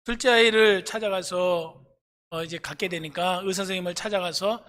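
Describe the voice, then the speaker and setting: A male pastor preaching a sermon, telling stories with lively acted-out dialogue. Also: sits high, moderate pace. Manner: animated storytelling, acting out dialogue. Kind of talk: sermon with storytelling. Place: church sanctuary. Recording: long reverb of a church hall.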